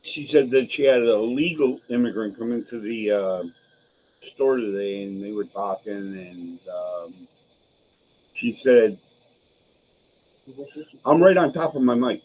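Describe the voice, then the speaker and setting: A man on a podcast call whose voice sounds muffled and distant, as if he were talking through a cardboard tube. He speaks haltingly with pauses and fillers. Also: lowish voice, a little mellow. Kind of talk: casual chat.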